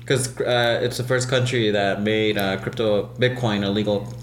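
A woman's voice: rumbling low, steady tone, normal speed. A woman chatting casually in sassy drag-queen slang, cutting in and repeating phrases. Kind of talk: casual chat. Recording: roomy echo with noticeable background hum.

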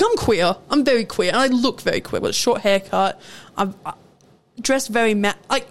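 A young woman, co-hosting a podcast and telling workplace stories with frequent laughter. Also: on the high side. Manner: laughs often, animated storytelling. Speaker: podcast co-host. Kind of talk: casual storytelling chat.

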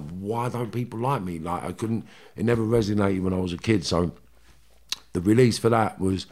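A man with a low, deep voice and a Liverpool Scouse accent speaks as an interview guest. He tells his story candidly in colloquial language, often checking that the listener follows. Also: a little mellow. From Liverpool, England. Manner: colloquial, often checks in with "you know" and "right". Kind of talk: candid personal storytelling in conversation.

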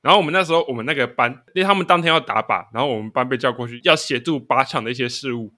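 A man's voice: mid-range voice, very fast, sharp tone. A man with a Taiwanese Mandarin accent, co-hosting a casual chat show and telling stories with frequent laughter. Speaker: podcast co-host.

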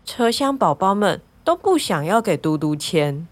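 A woman narrating a children's story in a gentle, lively, clearly paced way. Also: fairly low pitch, measured pace, background noise.

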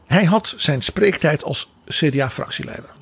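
A man co-hosting a political podcast, giving wry, animated commentary. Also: a little high, moderate pace, gravelly, slightly rough. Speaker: podcast co-host. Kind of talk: political analysis chat.

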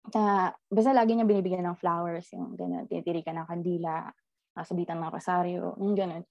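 A woman telling a ghost story in casual chat, animated and laughing often as she tells it. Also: on the low side, a little fast, no echo. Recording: slightly dull lo-fi audio.

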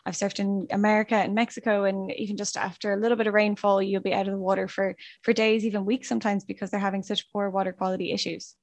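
A woman asks questions in a casual, conversational style. She talks quickly, with informal phrasing. The sound is dry, with hardly any room on it. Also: medium pitch, flat delivery, a little mellow, dry recording. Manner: informal, frequent 'kind of' and 'I guess'. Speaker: interviewer.

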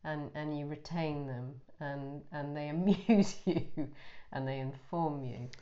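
A woman hosts a casual podcast interview in a low, mellow voice. She speaks affectionately. The audio is slightly dull and lo-fi. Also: a little slow. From Scotland. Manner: warm, affectionate. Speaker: podcast host.

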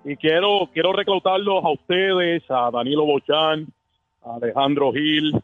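A man's voice: fairly high pitch, steady tone, measured pace, dry recording, faint music behind, natural voice. A man playing a boastful rich caller who phones a radio show, swaggering and casually insulting. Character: boastful rich man phoning in, bossing his staff. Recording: phone line.

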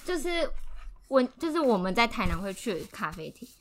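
A young adult woman telling a story in a casual podcast chat, animated, laughing often and acting out what people said. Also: on the high side, brisk, slight background noise. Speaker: podcast co-host.

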